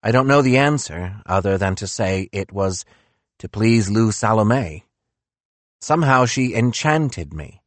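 A man voicing a careful male physician who speaks softly and slowly. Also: on the low side, animated, no echo. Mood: reflective. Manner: soft and slow, gentle.

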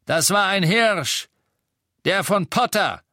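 Menacing male dark wizard henchman, stubborn, blunt, put on by a male narrator. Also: fairly high pitch, expressive, a little slow, no room sound, clean studio sound, voice pushed up. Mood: threatening. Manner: blunt, threatening.

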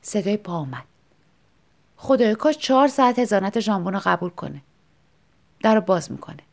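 A woman narrating a scripted story in an expressive, lively way. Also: medium pitch, creaky.

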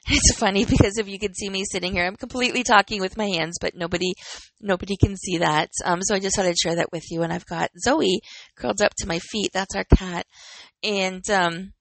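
A woman's voice: medium pitch, a little fast, vocal fry, fairly bright tone, dry recording, low-quality recording. A woman in her forties talking in an earnest, encouraging and reflective way, as host of a personal motivational talk, smiling as she speaks. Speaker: podcast host.

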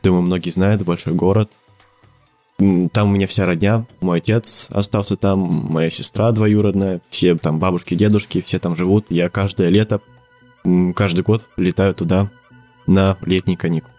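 This young man in his teens, from Siberia, Russia, speaks with a low, steady, somewhat dark voice at a moderate pace. Chatting casually as a podcast guest, he wanders through his thoughts, restarting often, leaning on fillers and laughing a lot, while soft music runs in the background.

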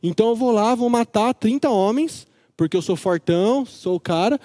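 A man's voice: sits high, expressive, normal speed, mellow, no echo, studio quality. A man voicing a brash young strongman who brushes people off bluntly. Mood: boastful. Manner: blunt, dismissive.

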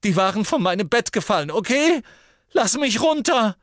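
A man voicing a lovesick teenage boy wizard who whispers breathlessly in his love-struck state and shouts shrilly when angry. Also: high voice, sing-song, normal speed, no echo, clean studio sound, voice pushed up. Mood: shrill shouting.

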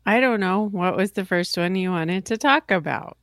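A woman co-hosting a casual podcast chat, making dry, unhurried remarks. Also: mid-range voice, a bit bright, no echo. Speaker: podcast co-host.

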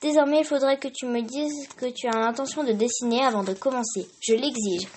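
A bossy magic pencil , put on by a woman reading a storybook, speaks a little higher than a plain voice. He is quick to take offence and snaps out huffy orders. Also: a little mellow, slight background noise, lightly acted. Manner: huffy, bossy and easily vexed. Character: proud touchy magic pencil, male.

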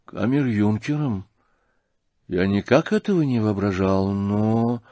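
A male reader voicing a gentle, shy young prince in an audiobook, speaking slowly and hesitantly. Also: fairly low pitch, no echo. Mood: earnest. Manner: slow, hesitant, earnest.

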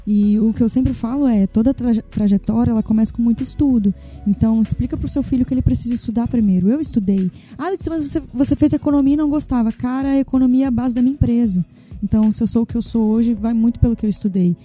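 A woman's voice: fairly high pitch, quick pace, dark tone, soft background music. A woman, guest on a casual podcast, giving earnest advice to parents.

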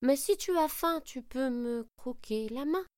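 A woman voicing a small, naive, generous gingerbread man in a storybook reading, sounding bright and innocent. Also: high-pitched, expressive, a little slow, dry recording, studio quality, pitched above the performer's own voice. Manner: bright, innocent, eager to please.

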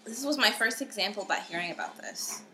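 A woman's voice: a little high, lively intonation, quick pace, crowd noise, poor audio. A woman co-hosting a casual podcast, rambling and giggly, correcting herself as she goes. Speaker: podcast co-host.

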